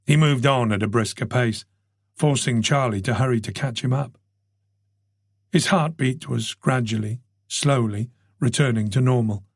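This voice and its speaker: A man narrating a mystery audiobook in a measured, steady way. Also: medium pitch, breathy edge, dry recording, studio quality. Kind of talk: scripted narration.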